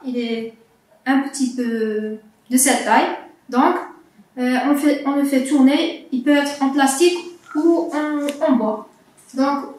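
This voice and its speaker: A woman teaching young primary pupils, speaking patiently and spelling out letters and syllables one by one. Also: high-pitched. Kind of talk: slow, carefully articulated lesson for young children. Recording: echoey classroom, distant mic.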